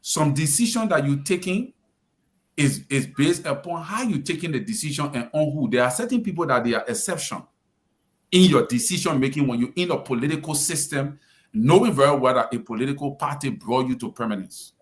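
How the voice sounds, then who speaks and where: On a radio talk show panel, a man with a Liberian English accent delivers political commentary, lecturing emphatically and speaking straight to the president. His medium-pitched voice moves with lively intonation at a fairly quick clip.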